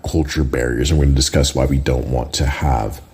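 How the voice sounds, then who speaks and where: Podcast host, man, from Jamaica: very deep, mellow voice, casual conversational delivery. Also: fairly even intonation, fairly quick, husky. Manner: conversational, often tags lines with "right?". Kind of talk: casual solo podcast talk.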